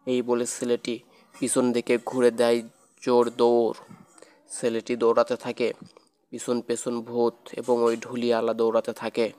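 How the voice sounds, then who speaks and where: A man's voice: medium pitch, monotone, unhurried, warm tone, clear, resonant tone. A man narrating a children's cartoon ghost story in a plain, repetitive storytelling manner.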